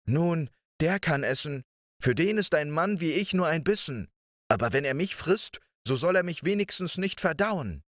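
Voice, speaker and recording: A man voicing a tiny, clever and brave boy in a storybook fairy tale, speaking high and earnest. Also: lively intonation, normal speed, a bit bright, no room sound, clean studio sound. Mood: wary.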